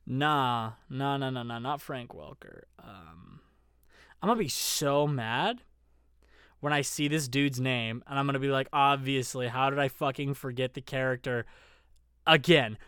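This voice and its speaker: A man's voice: medium pitch, measured pace, a bit bright, clear, resonant tone, dry recording, clean studio sound. A man telling a rambling, profane story in casual chat, full of fillers and self-deprecating asides.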